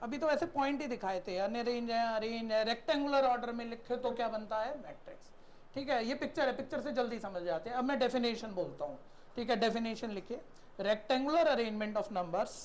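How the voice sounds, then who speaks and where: A man's voice: extremely high pitch, fairly quick, a little hiss or hum. A man teaching a math class in a conversational lecture style, often checking in with his students and asking them questions.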